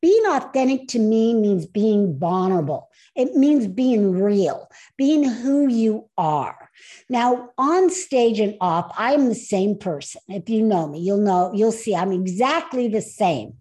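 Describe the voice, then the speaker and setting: A woman hosting a podcast on speaking, telling a personal story with animated, emphatic delivery. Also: medium pitch, unhurried. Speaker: podcast host and speaker coach.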